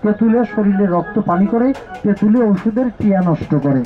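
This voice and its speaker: A man working as a street medicine seller, delivering loud, insistent carnival-barker patter that keeps repeating itself to onlookers. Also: fairly quick. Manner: insistent, repetitive pitching to onlookers. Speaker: street canvasser selling herbal medicine. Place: outdoor village market. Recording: dull lo-fi sound with loud music.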